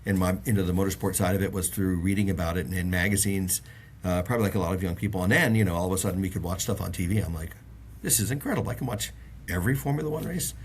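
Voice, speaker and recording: Racing along in a low-pitched voice, with a slight hiss or hum behind him, this middle-aged Bahamian man is an auto industry guest on an interview show. The chat is casual, and his long stories ramble with lots of fillers and restarts.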